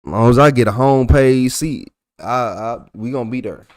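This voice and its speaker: A man's voice: mid-range voice, normal speed, no echo, studio quality. A young man with a thick Texas accent, chatting loosely on a livestream and reacting to messages from his chat. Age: young adult. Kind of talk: casual livestream chat reading comments.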